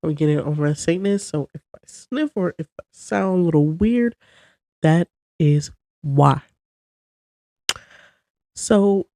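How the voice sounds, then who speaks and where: On her first podcast episode, a young woman with a stuffy, congested cold chats loosely and rambles as if talking to camera. Her tone is mellow and low-key, her pace slow. The recording is dry and close, with no echo.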